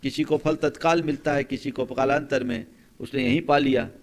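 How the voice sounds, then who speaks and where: A male monk giving a sermon, telling stories and asking rhetorical questions, moving from soft speech to forceful emphasis. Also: medium pitch, steady tone, moderate pace. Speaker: monk preacher.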